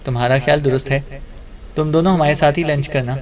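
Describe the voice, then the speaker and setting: A man's voice: a little high, steady tone, dull audio, close to an everyday voice. Teasing young woman, read by a man.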